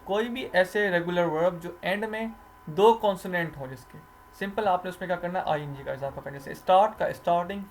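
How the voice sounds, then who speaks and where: A man teaching English grammar, explaining slowly, repeating rules and answering his own questions. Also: high voice, slight background noise. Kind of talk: recorded grammar lecture.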